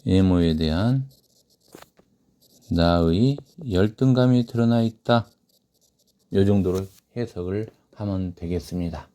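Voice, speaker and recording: A man's voice: low-pitched, takes it slowly, long pauses, warm tone. A man teaching a literature lesson, who asks the class questions and then answers them himself. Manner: reads quoted lines aloud in a raised voice. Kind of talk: classroom lecture on a short story.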